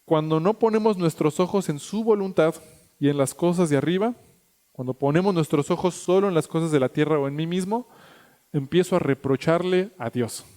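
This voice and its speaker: A man, a pastor preaching a sermon, whose pitch and volume climb at the high points. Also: moderate pace, mellow. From Mexico. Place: church sanctuary. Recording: echoey church hall.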